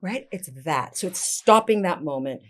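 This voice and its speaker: A woman's voice: on the low side, moderate pace. A woman guest on a podcast, talking casually as a coach and acting out little scenes as she explains. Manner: animated, acts out little scenes.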